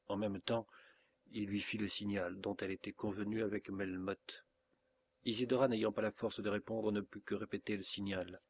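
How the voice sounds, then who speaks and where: A man with a French accent reading a classic novel aloud as an audiobook narrator, steady and measured. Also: on the low side.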